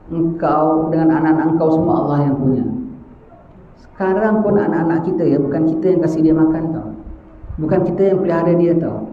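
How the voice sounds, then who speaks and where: Man, sermon, fairly high voice, echoey dull recording. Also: slight background noise. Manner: lively, rhetorical questions, mocking asides. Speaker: religious teacher.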